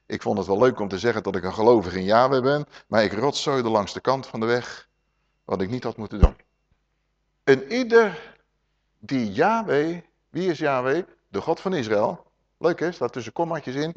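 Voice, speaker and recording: Animated man preaching on a dull lo-fi recording. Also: mid-range voice. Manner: animated, rhetorical questions to the congregation, acts out voices. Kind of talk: lively Bible teaching.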